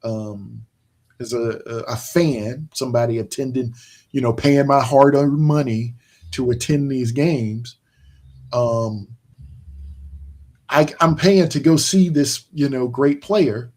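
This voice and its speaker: A man's voice: mid-range voice, darkish tone. A man hosting a casual sports chat, rambling and restarting his sentences as he makes his points. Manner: rambling, many restarts and fillers, slow emphatic points. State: yawning, tired. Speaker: podcast host.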